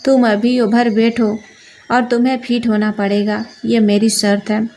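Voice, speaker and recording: A woman's voice: fairly high pitch, flat delivery, measured pace, darkish tone. Woman reading as a cold, arrogant rich husband. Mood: commanding. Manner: cold, commanding, dictating terms. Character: arrogant rich young husband laying down rules.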